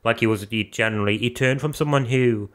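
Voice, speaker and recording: A man's voice: mid-range voice, quick pace, a bit bright. A man co-hosting a casual podcast, playful, laughing often and swearing. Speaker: podcast co-host. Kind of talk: casual chat.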